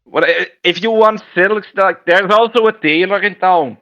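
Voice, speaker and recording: A man's voice: high-pitched, normal speed, sharp tone, lo-fi sound. A man voicing a blunt male market merchant, attempting a Scottish accent and calling people matey. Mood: gruff. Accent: clumsy attempt at Scottish. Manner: brusque, calls others matey.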